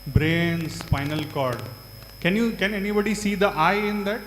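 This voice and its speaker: A man's voice: sits high, normal speed, fairly bright tone. South Indian man teaching in an echoey hall. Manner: repeats answers, prompts with short questions and tag words. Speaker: yoga teacher questioning students. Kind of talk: interactive classroom lecture to a large group. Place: large hall. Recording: echoey hall, reverberant, faint hum.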